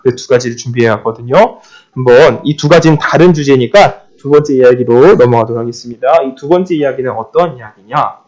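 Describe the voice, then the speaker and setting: A man's voice: mid-range voice, a little fast, a little mellow. A man preaching a sermon, asking the congregation rhetorical questions and repeating key phrases for emphasis.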